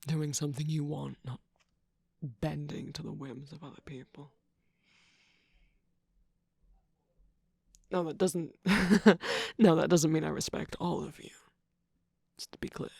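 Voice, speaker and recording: An ASMR performer voicing a suspicious, sardonic villain jester cookie in an intimate roleplay, breathy and often dropping to a whisper, close on the mic. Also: medium pitch, fairly even intonation, no room sound. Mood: sardonic, grudging. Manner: sardonic, teasing, drawn-out phrasing. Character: mischievous, suspicious, guarded villain cookie jester, grudgingly softening. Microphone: close, dry microphone.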